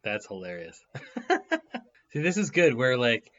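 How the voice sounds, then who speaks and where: Podcast guy rambling and laughing, regular pitch, kinda dull lo-fi audio. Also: huge pitch swings, slow, fairly bright tone. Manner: rambling, laughs often, frequent restarts. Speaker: podcast co-host. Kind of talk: casual chat.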